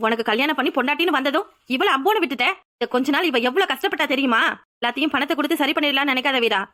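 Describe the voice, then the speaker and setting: A woman's voice: high voice, racing, bright, forceful tone. A woman voicing an outspoken young woman who confronts her friend's ex in a cartoon drama. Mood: confronting. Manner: confrontational, demanding. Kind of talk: cartoon voice acting.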